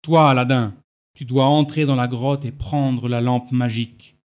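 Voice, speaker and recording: A man's voice: mid-range voice, fairly even intonation, a little slow, a little mellow, close to an everyday voice. Man plays scheming magician, commanding and impatient, storybook reading.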